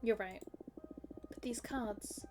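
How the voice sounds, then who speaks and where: A woman's voice: on the high side, takes it slowly, music in the background. A woman streamer reading aloud the lines of an anxious young witch who reads tarot, in an earnest, doubtful way. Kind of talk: reading game dialogue aloud.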